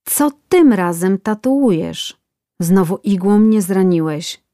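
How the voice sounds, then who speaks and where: A woman's voice: medium pitch, animated, takes it slowly, warm tone, no room sound, clean studio sound. A woman voicing a whining man getting a tattoo, complaining and pleading in a storybook tale. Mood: pained.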